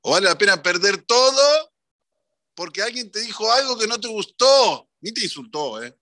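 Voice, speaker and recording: A man with an Argentine accent, a religious teacher giving an animated storytelling sermon. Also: sits high, moderate pace, no echo, studio quality. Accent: Argentine Spanish. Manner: animated, swings between voices.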